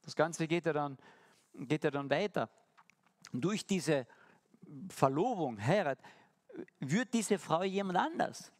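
Male preacher, voice a touch high, animated sermon delivery with direct questions to the listeners. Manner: lively, shifting between quick asides and slow emphatic lines; addresses the congregation directly with rhetorical questions.

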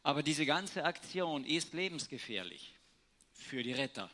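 A man preaching a sermon, telling Bible stories with shifts between hushed and raised emphasis. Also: fairly high pitch, very animated, a little slow.

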